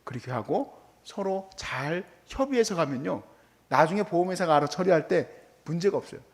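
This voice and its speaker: A middle-aged male pastor giving a conversational, animated sermon in a church, often acting out quoted remarks. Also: on the high side, a little fast. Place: church hall.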